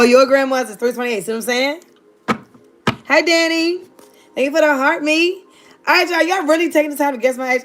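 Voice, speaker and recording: High-pitched and a bit bright, this voice belongs to a livestreamer from Virginia, United States, a woman in her thirties. She jokes sassily and playfully while speaking right to her chat.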